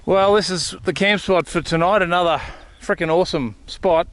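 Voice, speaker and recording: A man's voice: sits high, normal speed. A man with an Australian accent, talking casually to camera about a motorbike trip at his campsite. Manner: relaxed, chatty, laughs easily. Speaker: vlog host. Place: bush campsite outdoors.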